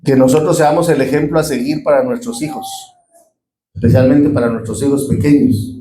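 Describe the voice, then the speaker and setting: A man's voice: medium pitch, steady tone, a little fast, warm tone, roomy sound, a little hiss or hum, low-quality recording. A middle-aged man with a Guatemalan Spanish accent preaching a sermon as a pastor, calling out to his congregation for responses.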